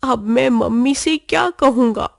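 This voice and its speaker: A woman's voice: sits high, measured pace, vocal fry, no echo, studio quality. A woman voicing a playful little boy who coaxes and pleads in a children's storybook reading. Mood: sad. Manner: wheedling, coaxing.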